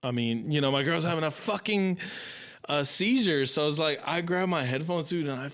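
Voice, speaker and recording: A man's voice: a little high, fairly quick. A young man co-hosting a casual podcast, telling a story with lots of swearing and acted-out quotes. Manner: animated, acts out quoted voices, swears a lot. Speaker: podcast co-host.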